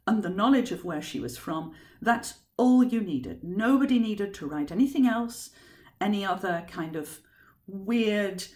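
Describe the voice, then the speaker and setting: A woman's voice: medium pitch, a little mellow. A woman author giving an informal teaching talk on writing, thoughtful and emphatic as she explains. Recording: roomy echo.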